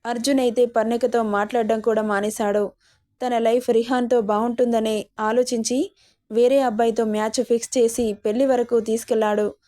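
A woman narrates a serialized romance in a steady storytelling manner. Her voice is warm and a little high, with a flat, even melody. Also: normal speed, dry recording, studio quality.

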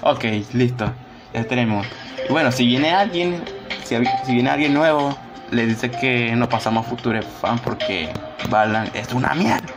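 Over background music, a young man with a medium-pitched voice talks through his live-stream gameplay at a moderate pace. He keeps it chatty, pokes fun at himself, and lets out groans and sighs along the way.

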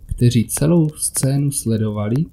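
Male narrator, first-person horror reading, very dark mellow tone, measured pace. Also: mid-range voice, a little hiss or hum.

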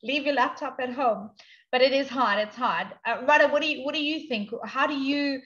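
A woman's voice: high-pitched, moderate pace, fairly bright tone, lo-fi sound. A woman hosting an online panel interview, friendly and affirming toward her guests. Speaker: host.

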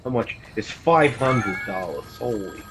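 A man's voice: fairly low pitch, lively intonation, a little slow, very noisy. A man streaming a shooter game, swearing constantly and trash-talking other players in casual chat. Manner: profane, loud trash talk at other players. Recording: loud game gunfire behind voice. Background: loud gunfire and vehicle sounds from the game.

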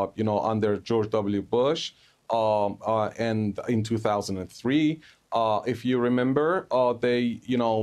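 A middle-aged man from Iran with a Persian accent, giving halting analysis in a live news interview. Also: medium pitch, darkish tone.

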